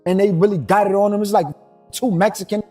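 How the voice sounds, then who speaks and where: High-voiced New man telling a street story. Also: steady tone, quick pace, warm tone, breathy edge, soft background music. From New York. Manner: rambling, streetwise, keeps asking "you heard?". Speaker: storyteller in a played clip. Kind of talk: casual storytelling.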